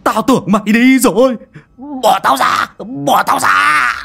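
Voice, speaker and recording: A man voicing a frightened old male exorcist who yells curses in panic. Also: very high voice, unhurried, gravelly, breathy edge, voice pushed up, heavily acted. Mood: panicked yelling. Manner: panicked yelling.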